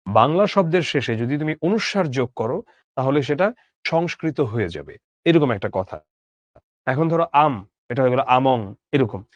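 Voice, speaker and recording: A man's voice: fairly high pitch, no room sound. Emphatic male literature teacher explaining a text. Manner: explains each phrase by rereading it and rephrasing simply; emphatic rises and drops on key words. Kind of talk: literature lesson for exam students.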